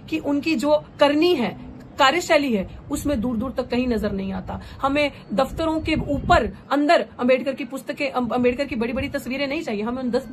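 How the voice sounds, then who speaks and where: Fervent young woman activist, highish voice. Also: a little hiss or hum. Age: young adult. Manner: fervent, rousing, mixes English phrases into Hindi. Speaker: political candidate and activist. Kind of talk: impassioned political speech.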